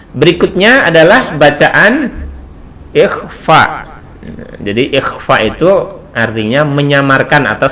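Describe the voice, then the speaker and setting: A man teaching a tajwid lesson, explaining slowly and chanting short demonstration sounds. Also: medium pitch, a bit bright. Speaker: Quran recitation teacher.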